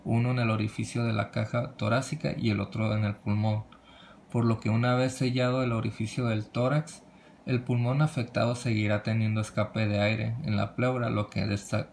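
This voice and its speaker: A man presenting a medical lesson from slides, reading in a halting way with frequent restarts and cut-off words. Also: lowish voice, little pitch movement, creaky, a little mellow, a little hiss or hum.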